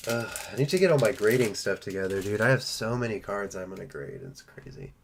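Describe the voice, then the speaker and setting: A man's voice: fairly low pitch, sing-song, brisk, creaky, background noise. Joking man opening trading card packs. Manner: joking, rambling, playful. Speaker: host of a card-opening live stream. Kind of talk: casual live stream chat.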